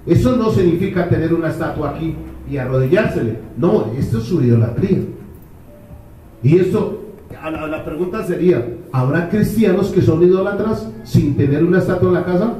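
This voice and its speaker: A man's voice: a little high, lively intonation, brisk, mellow, a little hiss or hum. A man preaching a fervent sermon, firing off rhetorical questions to the congregation. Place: church hall. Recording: echoey hall, distant mic.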